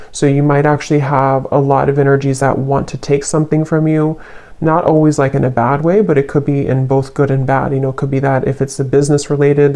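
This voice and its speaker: A tarot reader giving a card reading, unhurried and searching for words, with many soft fillers. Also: mid-range voice.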